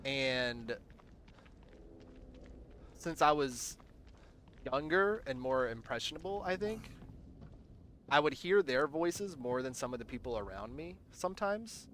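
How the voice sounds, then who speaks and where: Taking it slowly with frequent pauses, this young man from Southern Virginia speaks in an expressive, fairly bright mid-range voice over slight background noise. He chats loosely on his gaming stream, answering viewers, rambling and trailing off, his accent a blend of American styles.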